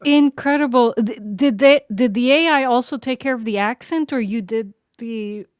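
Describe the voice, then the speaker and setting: An American woman co-hosts a podcast in lively, encouraging chat. Her voice sits a little high and sounds close and dry. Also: moderate pace, clear, resonant tone, no echo. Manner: enthusiastic, encouraging. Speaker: podcast co-host. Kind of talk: casual chat.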